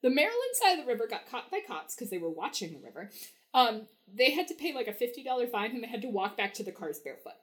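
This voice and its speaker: Chatty high-voiced young woman. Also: big pitch swings, fast, fairly bright tone. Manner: chatty, laughs often, many fillers. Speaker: podcast guest. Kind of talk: casual storytelling.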